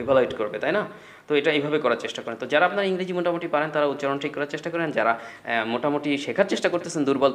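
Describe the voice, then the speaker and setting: A man's voice: mid-range voice, a bit bright. A man teaching a spoken English lesson, explaining patiently and repeating words as drills.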